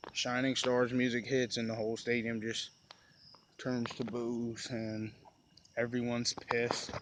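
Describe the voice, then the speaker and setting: A man's voice: medium pitch, a little hiss or hum. A man talking casually and at length to camera, loose and rambling with many fillers. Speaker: vlogger. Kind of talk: casual recap talk.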